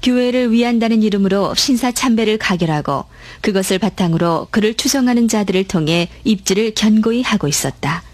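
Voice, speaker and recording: A woman's voice: mid-range voice, a little fast, dry recording. A woman reading scripted dramatic narration as the narrator of a radio drama.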